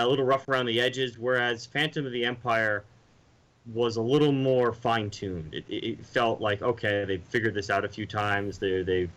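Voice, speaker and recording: On a low-quality recording, a man with a fairly low, fairly bright voice co-hosts a podcast. The chat is casual and rambling, full of restarts and sounds he mimics.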